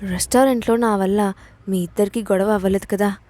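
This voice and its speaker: A woman's voice: mid-range voice, fairly even intonation, fairly quick, mellow, dry recording, natural voice. A woman voicing a scheming young woman who sounds sugary and pleading while faking concern.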